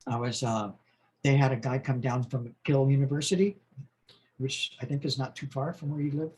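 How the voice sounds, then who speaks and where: In a casual podcast interview, a US guest in his sixties spins long, rambling tales of his schooling with warmth, laughter and restarts. He speaks at medium pitch with fairly even intonation and a moderate pace, his voice carrying a breathy edge over a rough recording.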